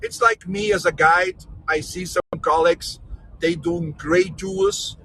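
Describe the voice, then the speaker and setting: Riding in a moving vehicle, the bright-voiced tour guide—born in Brazil, brought up in Austria—jokes energetically in non-native English while chatting with viewers on a live virtual tour. He speaks slowly at a fairly high pitch, and the rough recording carries vehicle noise.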